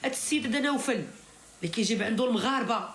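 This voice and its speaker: A woman's voice: a little high, racing, a bit bright, slight background noise. A woman with a Moroccan accent venting in heated informal live chat, insistently repeating her phrases for emphasis. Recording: roomy, echoing sound.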